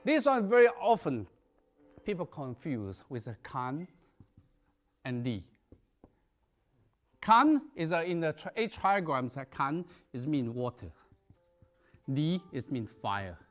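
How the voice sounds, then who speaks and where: A man's voice: on the high side, big pitch swings, takes it slowly, long pauses, faint music behind. A man, a native Chinese speaker, teaching a qigong lesson in emphatic, non-native English that drops articles and verbs. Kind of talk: lecture.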